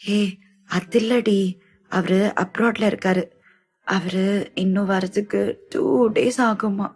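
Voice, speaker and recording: Brief: a young wife, soft, sulky, a bit whiny, audiobook dialogue. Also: female voice, medium pitch, moderate pace, husky. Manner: soft, whiny when missing her husband.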